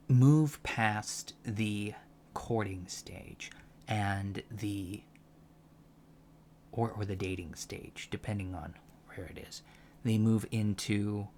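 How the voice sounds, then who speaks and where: In a soft-spoken ASMR lecture roleplay, a man plays an earnest alien college professor, explaining in a halting, deliberate way and carefully correcting himself. His pitch is fairly low, and a clear, steady background noise runs under the recording.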